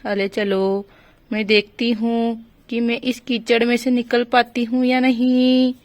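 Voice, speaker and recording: A woman's voice: fairly high pitch, flat delivery, slow, darkish tone, no echo. Woman voicing a worried pregnant village aunt. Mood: distressed. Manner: anxious, pleading. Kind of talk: doll story role-play.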